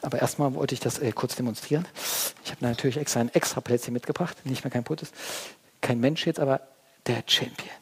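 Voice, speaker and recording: A man preaching a sermon as pastor, talking straight to his congregation and swinging between hushed, quiet passages and loud, excited ones. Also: medium pitch, a little fast, husky.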